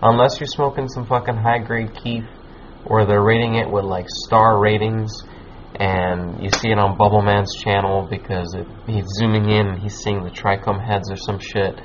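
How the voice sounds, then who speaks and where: A man hosting a podcast chats casually and gives advice in a laid-back, slangy stoner manner, rambling and swearing along the way. His fairly low voice has a steady tone and moderate pace. The muffled lo-fi recording includes background noise and crowd sounds.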